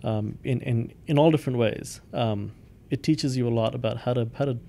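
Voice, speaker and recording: Gravelly man, thoughtful with many ums. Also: mid-range voice, brisk, dark tone. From India. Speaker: company founder and CEO, guest. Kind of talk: interview answers.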